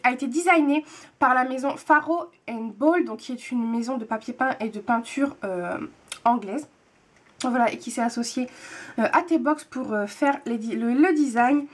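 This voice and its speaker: A woman's voice: sits high, husky. A young woman in her twenties chatting to camera as she unboxes a monthly tea box, gushing and repeating words for emphasis. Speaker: book and tea vlogger. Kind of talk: casual unboxing chat to camera.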